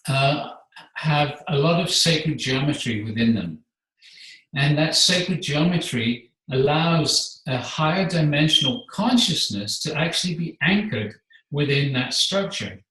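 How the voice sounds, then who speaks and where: A man speaking as a guest, explaining his spiritual work in a measured, earnest way. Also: on the high side, pushed and bright. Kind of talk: calm explanatory conversation. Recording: echoey room, distant mic.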